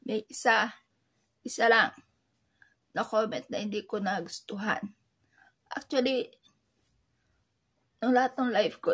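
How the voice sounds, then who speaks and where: Filipina vlogger chatting slow, husky crackly voice, sounds kinda teary. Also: female voice, a little high. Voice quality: soft voice that sounds like crying. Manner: slow, halting, with many fillers. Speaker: online seller sharing tips. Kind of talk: casual vlog talk.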